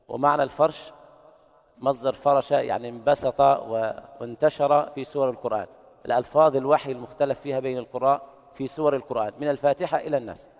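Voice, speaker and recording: A man teaching Quran recitation readings in an explanatory lesson, who breaks into slow, melodic chanting to demonstrate each reading. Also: mid-range voice, darkish tone, in a large hall, highs cut off.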